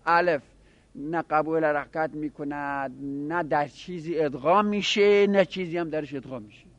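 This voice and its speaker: A man's voice: a little high, no echo. Man teaching a grammar lesson. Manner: explains step by step, quizzing students with quick questions.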